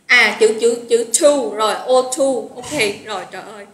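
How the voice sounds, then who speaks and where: A woman's voice: on the high side, moderate pace, fairly bright tone. A woman with a Southern Vietnamese accent teaching a live online English vocabulary class, chatty and encouraging as she calls out students' names. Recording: roomy echo with faint noise.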